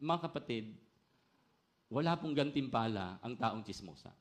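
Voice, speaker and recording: A middle-aged man preaching a sermon loudly and energetically, often calling out "Amen?" to the congregation. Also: medium pitch, normal speed. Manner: loud, energetic preaching with call-and-response "Amen?".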